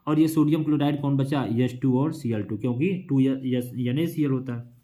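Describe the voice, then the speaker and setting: A man's voice: medium pitch, normal speed, mellow. A young man teaching an exam revision lesson, who asks questions and then answers them himself, with casual asides and memory tricks.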